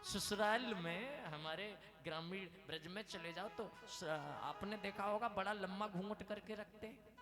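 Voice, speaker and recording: A man with a Braj accent telling a devotional story as a katha preacher, folksy and animated, putting questions to his audience. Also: high voice, measured pace, music in the background. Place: katha gathering before an audience.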